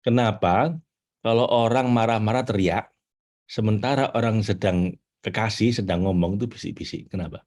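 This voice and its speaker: Man, middle-aged, lowish voice, lively spiritual teaching talk, excited high bursts, slow read-out quotes. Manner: animated, rising to high excited bursts, reads quotes slowly. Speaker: spiritual trainer.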